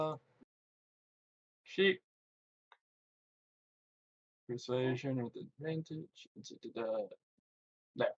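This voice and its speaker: A man plays a tabletop game, chatting casually. He talks slowly and haltingly, searching for words. His voice comes through a dull lo-fi mic. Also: mid-range voice, a bit bright. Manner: hesitant, halting. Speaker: player. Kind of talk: casual play chat.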